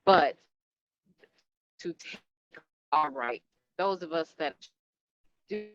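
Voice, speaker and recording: A woman, a former teacher and parent, talks in a halting, earnest way on a remote call whose audio breaks up and cuts out. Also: deep voice, expressive, dry recording. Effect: remote call audio breaking up and cutting out. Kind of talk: casual panel discussion. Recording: muffled lo-fi call with faint noise.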